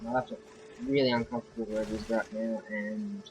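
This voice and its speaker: A man giving casual, rambling commentary on his own racing game from his bedroom, excitable and quick to flare into loud frustration. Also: fairly low pitch, noisy background. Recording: muffled lo-fi with faint game music.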